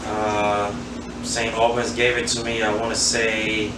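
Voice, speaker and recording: An unhurried, lowish voice belongs to a new speaker, a man in his forties from Queens, New York. Recorded from a distance, the sound is flat, roomy, off-mic and noisy as this handball player reminisces as a guest in a casual interview. He's relaxed and rambles, with many fillers.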